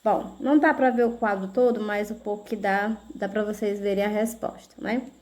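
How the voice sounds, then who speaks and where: With a steady, slightly mellow, mid-range voice, a Brazilian Portuguese-accented woman gives a slow, patient video lesson. She breaks words into syllables and checks in now and then with brief tag questions.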